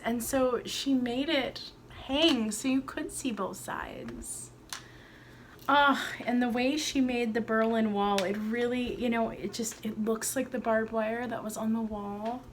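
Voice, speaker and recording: A young adult woman vlogging from home, gushing and excitable as she unboxes and shows art. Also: fairly high pitch, a little slow, a little hiss or hum. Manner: gushing, excitable, breathy exclamations. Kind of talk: casual home vlog, unboxing. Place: at home, indoors.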